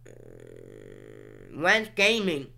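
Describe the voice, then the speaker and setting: Slow-talking bright-voiced young woman. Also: medium pitch, animated. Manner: drawn-out, musing, talks while clicking through apps. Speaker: podcast host reviewing her channel stats. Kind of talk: casual solo commentary.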